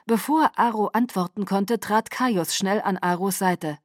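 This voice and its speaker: A woman narrating a novel in first person, measured and dramatic, close to the mic. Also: mid-range voice, dry recording. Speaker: audiobook narrator.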